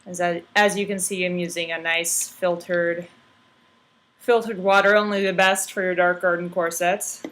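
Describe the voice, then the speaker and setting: A woman giving a casual how-to vlog in a hungover, sluggish, halting way, with dry tongue-in-cheek delivery. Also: fairly low pitch, level tone, fairly bright tone. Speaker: vlogger giving garment care tips. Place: indoors.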